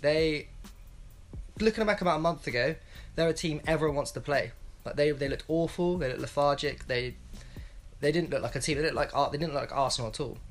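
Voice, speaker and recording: Faint music plays as a man with a higher voice talks fairly quickly about football. In his twenties, he gives a blunt, rambling solo analysis vlog from a small room at home on a wired earphone mic.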